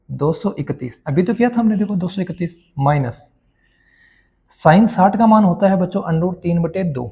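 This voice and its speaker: Teaching maths in a classroom style, a man frequently quizzes his students and then answers his own questions. His voice is high and creaky, with a dark tone.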